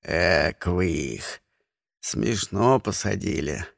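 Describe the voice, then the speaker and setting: A man voicing a gruff old egg villager who grumbles slowly in a low voice. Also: expressive, no echo, clean studio sound, exaggerated voice.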